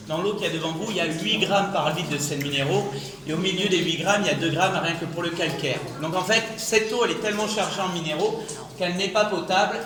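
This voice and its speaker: High-voiced man guiding in an echoing cave. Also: fairly bright tone. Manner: explains step by step with rhetorical questions. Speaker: tour guide. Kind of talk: guided cave tour talk to a group. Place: echoing underground rock gallery. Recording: echoey cave gallery, clear background noise.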